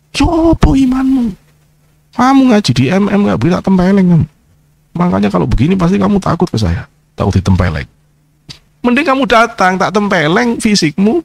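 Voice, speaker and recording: A man giving an informal sermon as a kiai, scolding and mocking his listeners, sliding from low murmurs into sharp high outbursts. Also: creaky. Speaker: kiai, Islamic preacher.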